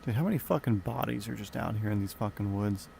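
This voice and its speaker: A man's voice: lowish voice, fast talker, gravelly, dark tone, a little hiss or hum. A man streaming a flight simulator, chatting casually in a rambling, profane, offhand way from his home gaming room at a desk mic. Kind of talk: casual live-stream chat.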